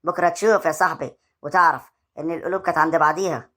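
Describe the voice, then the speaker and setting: Voicing a swaggering middle-aged villager from Egypt, a man speaks with a slightly high, sharp voice and fairly even intonation. His Egyptian Arabic delivery is rapid, boastful and teasing.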